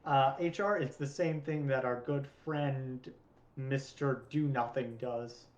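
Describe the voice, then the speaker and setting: A man's voice: medium pitch, fairly even intonation, slow, a little mellow, reverberant. A man playing a tabletop game, speaking casually and matter-of-factly. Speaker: player.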